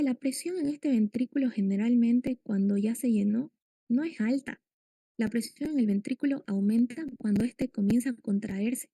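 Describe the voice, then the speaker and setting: A woman's voice: fairly high pitch, dark tone, breathy edge, dry recording. A woman giving a medical lecture, explaining step by step and quizzing her students. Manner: explanatory, asks students questions.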